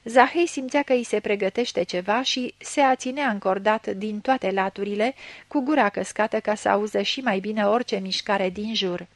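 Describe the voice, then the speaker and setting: A woman reading a literary story aloud, dramatic and raising her voice for the characters' shouts. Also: medium pitch, no room sound. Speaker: reader.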